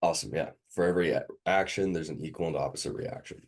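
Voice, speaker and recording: A man's voice: deep voice, fast talker. A sick, sniffly man tutoring a student one on one, hesitant with many ums as he quizzes them.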